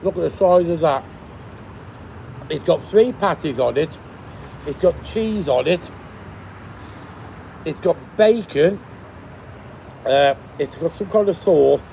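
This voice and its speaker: A man casually reviewing food in a vlog, chewing and eating as he talks, with a creaky voice. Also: on the high side, lively intonation, takes it slowly, pauses often, warm tone, a little hiss or hum, low-quality recording. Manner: chewing and eating while talking.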